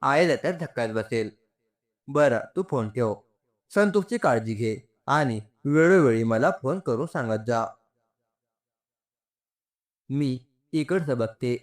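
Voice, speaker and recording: A man voicing a caring sister-in-law who asks anxious questions and then calmly takes charge in a storybook narration. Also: medium pitch, slow, long pauses. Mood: worried.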